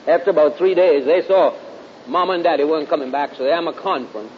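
High-voiced Southern preacher man telling folksy stories. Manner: folksy, drawling, repeats phrases for emphasis. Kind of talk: storytelling sermon. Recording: dull lo-fi recording with clear rumbling hiss.

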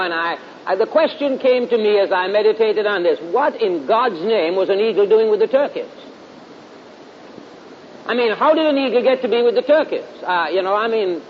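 A middle-aged man with a Southern US accent preaching in a folksy, drawling storytelling style, repeating phrases for emphasis. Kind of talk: storytelling sermon. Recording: dull lo-fi recording with clear rumbling hiss.

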